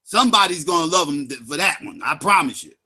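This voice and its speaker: A man's voice: on the high side, lively intonation, quick pace, bright, forceful tone, breathy edge. Heated, profane man ranting. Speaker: livestream commentator. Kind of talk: angry ranting commentary.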